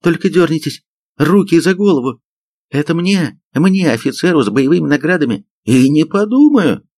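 A man's voice: medium pitch, very animated, unhurried, darkish tone, no room sound, voice pushed up. A man voicing a plump, pompous male army major who blusters with indignation in an audiobook. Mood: indignant blustering. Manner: huffy, indignant.

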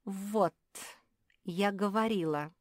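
A small storybook dog who whines and frets about everything in a high, tearful voice, as a woman acts her out. The recording is close and dry. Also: lively intonation, measured pace, dry recording. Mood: whiny. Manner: whining, tearful.

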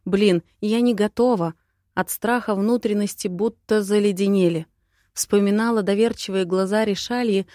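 Young woman, first-person fantasy narration, expressive inner-monologue read, mid pitch, dry close mic. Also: no echo. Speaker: audiobook narrator.

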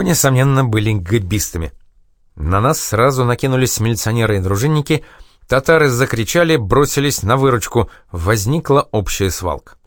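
Man, audiobook narrator, memoir reading, lively intonation, dry close recording. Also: mid-range voice, dry recording. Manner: measured, expressive reading.

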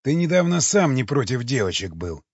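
A man reading an audiobook, voicing a cynical, mocking cannibal who teases and calmly questions. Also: medium pitch, moderate pace, husky, dry recording. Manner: sardonic, teasing, calmly questioning. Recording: dull lo-fi recording.

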